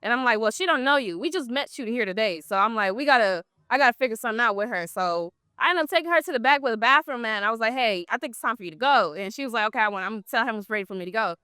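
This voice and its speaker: Bright, high-voiced woman telling blunt stories. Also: very fast, few pauses, clean tone, no room sound, studio quality. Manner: blunt, profane, animated storytelling. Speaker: exotic dancer guest. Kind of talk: casual storytelling interview.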